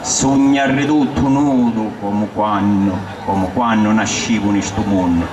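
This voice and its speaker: A man's voice: on the low side, steady tone, takes it slowly. Sicilian man declaiming verse, echoey and distant. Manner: declamatory, storytelling delivery. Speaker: dialect poet reciting. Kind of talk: live recitation of dialect verse. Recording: roomy echo, distant mic, clear background noise.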